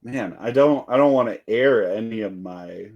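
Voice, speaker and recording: A man's voice: on the low side, normal speed, highs cut off. A man co-hosting a podcast, chatting casually in a rambling, self-deprecating way and laughing often. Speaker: podcast co-host. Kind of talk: casual chat.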